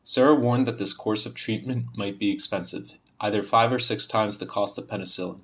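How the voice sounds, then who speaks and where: For a dialect archive, a young Ontario university student who was born in Bosnia and raised speaking Serbian reads a set passage with even care before chatting casually about himself, hesitantly and with lots of fillers. His Canadian accent carries a faint Serbian trace, and his fairly low voice moves a little fast.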